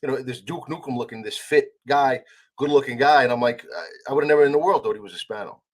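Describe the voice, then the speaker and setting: A man as a podcast guest, telling a heated story in a casual conversation, with some swearing. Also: medium pitch. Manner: fast, animated, swearing, retelling a confrontation.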